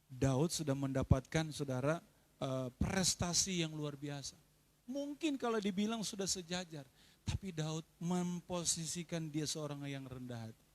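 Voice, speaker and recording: A male pastor preaching a lively sermon at a church service, calling out to his congregation. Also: fairly high pitch, a little slow. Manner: animated preaching, calls out to the congregation.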